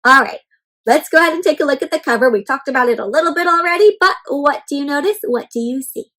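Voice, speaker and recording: With a high voice and lively manner, a woman reads a picture book aloud to young children, storyteller-style. She keeps it interactive, posing questions to her small audience and giving them pauses to think.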